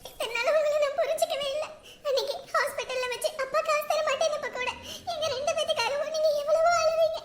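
A woman's voice: extremely high pitch, fairly even intonation, quick pace, heavy background noise. A young woman acting a teenage daughter, first sulking and talking back, then crying and apologizing to her mother. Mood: tearful, apologetic. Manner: sharp-tongued complaining, then tearful pleading. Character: teenage daughter, sulky then tearfully loving. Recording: echoey room.

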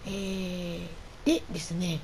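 A woman's voice: lowish voice, little pitch movement, slow, darkish tone, slight background noise. A woman doing casual solo game commentary as host, politely and half talking to herself. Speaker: gaming video host.

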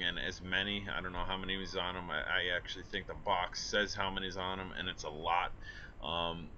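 A man casually reviewing a toy drone during a night flight outdoors, talking in a relaxed, rambling way with many ums and uhs. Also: low voice, highs cut off, slight background noise.

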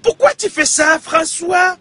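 A man playing a loud, indignant character who shouts complaints and insults at the president in a comedy sketch. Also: fairly high pitch, moderate pace, breathy edge, dry recording, voice pushed up. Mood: ranting.

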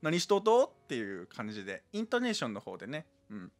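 Talking fast with huge swings in pitch, this lowish-voiced man rambles casually to himself and his viewers while streaming a game live. He's using a desk microphone.

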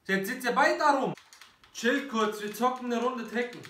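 A man's voice: very high voice, moderate pace, bright, forceful tone. A man in his thirties acting out a slangy comedy sketch, bickering in colloquial youth slang. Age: 30s. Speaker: comedy sketch creator playing several friends. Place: living room at home, indoors. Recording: roomy, echoey, distant mic.

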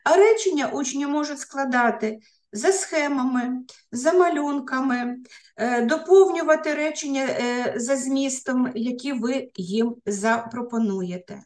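A woman with a high voice lectures fellow teachers as an education researcher. She pauses often on filler sounds and restarts words mid-way. The recording has a roomy echo around her. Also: darkish tone.

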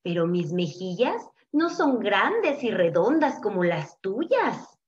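A woman's voice: medium pitch, sing-song, slow pace, highs cut off. A woman doing a sighing sorry penguin. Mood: regretful. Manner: sighing, apologetic. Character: sighing apologetic female penguin.

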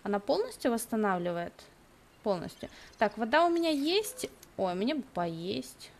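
A woman's voice: on the high side, noisy background. A young adult woman giving casual, playful live gaming commentary, half talking to herself and repeating words. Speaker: game streamer. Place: indoor room at a computer.

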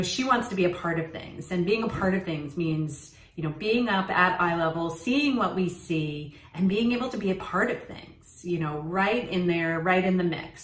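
In a rough recording made at arm's length on a phone or webcam, a woman in her thirties with a lowish voice talks to camera from her kitchen. Her home vlog is relaxed and chatty, full of "you know" fillers.

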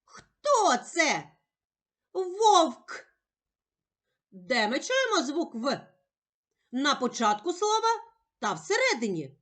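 A woman teacher speaking slowly and carefully in a sing-song voice, giving a reading lesson for young children. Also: high voice, wildly swooping pitch, a bit bright. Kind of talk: slow, clearly articulated children's reading lesson.

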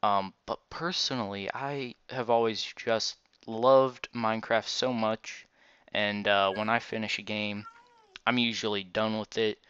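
A man with a low, clean voice gives casual Let's Play commentary with a retainer in his mouth. He rambles slowly and corrects himself as he goes. The recording is slightly dull and lo-fi. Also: steady tone, fairly bright tone, clear, resonant tone, dry recording. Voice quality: slight retainer-affected speech. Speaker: gaming video host. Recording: dull, lo-fi microphone.

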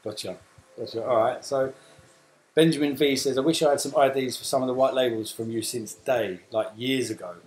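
A man's voice: mid-range voice, fairly quick, echoey room, low-quality recording. A man with a South London accent hosting a casual live Q&A, chatting and reading out viewer comments. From England. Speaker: host.

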